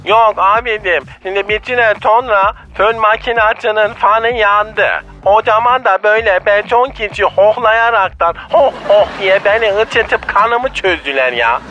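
A man's voice: sits high, unhurried, hardly any pauses, sharp tone, a little hiss or hum. A man playing a thawed-out frozen man who shivers and stammers, heard over a muffled phone line. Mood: shivering. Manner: stammering from cold.

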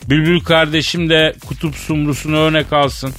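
A man's voice: a little high, flat delivery, normal speed, fairly bright tone, faint music behind. A man hosting a comic radio show, playful and theatrical, drawing out words for effect.

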